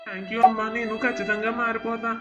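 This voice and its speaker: A man's voice: very high voice, flat delivery, brisk, over loud music. A man voicing a guilty, pleading young husband. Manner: pleading, defensive. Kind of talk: cartoon voice acting.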